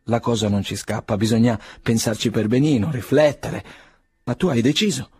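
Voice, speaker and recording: A man voicing a proud, ailing aristocrat nearly fifty, speaking in a measured, solemn, quiet way. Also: mid-range voice, husky, no room sound, clean studio sound. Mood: gentle.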